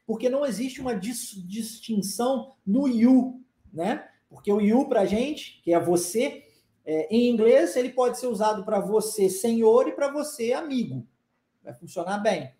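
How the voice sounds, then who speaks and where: A man's voice: extremely high pitch, expressive, unhurried, mellow, roomy sound. A man with a Brazilian Portuguese accent teaching an online language lesson, explaining patiently and checking in often with short questions. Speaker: English teacher.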